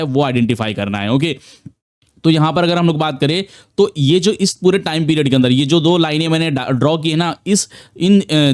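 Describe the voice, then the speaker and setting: A man's voice: a little high, no echo, clean studio sound. Chatty man teaching trading. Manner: chatty, repetitive, many fillers and restarts. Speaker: trading educator. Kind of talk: casual screen-share tutorial.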